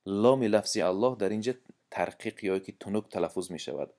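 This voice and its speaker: A man with a Tajik accent teaching a lesson, explaining patiently with pauses and breaking into slow, drawn-out melodic recitation. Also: on the low side, darkish tone.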